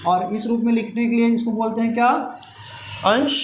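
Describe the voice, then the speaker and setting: A man's voice: very high voice, little pitch movement, normal speed. A middle-aged man teaching a math class, asking students questions and then giving the answers himself. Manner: call-and-response questioning. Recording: echoey classroom with faint hiss.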